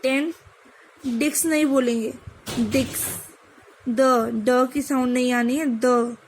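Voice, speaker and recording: A woman's voice: high voice, steady tone, unhurried, a little mellow, slight background noise, poor audio. A woman teaching French number pronunciation, mixing Hindi with English and sounding out each word. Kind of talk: online language lesson.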